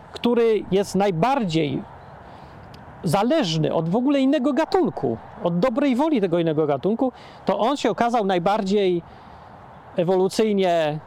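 A high-pitched man holds forth outdoors, rhetorical and indignant. He hesitates and restarts often. Traffic hums faintly behind him. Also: a little mellow. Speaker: vlogger. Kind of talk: casual outdoor monologue.

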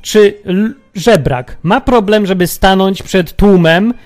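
A man's voice: high-pitched, slow, a little mellow. A man hosting a reflective religious monologue, musing aloud and asking many rhetorical questions. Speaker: podcast host.

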